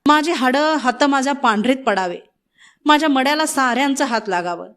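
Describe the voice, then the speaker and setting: A woman's voice: sits high, animated, brisk, a bit bright. A woman reading the part of an anxious village man pleading in rustic dialect.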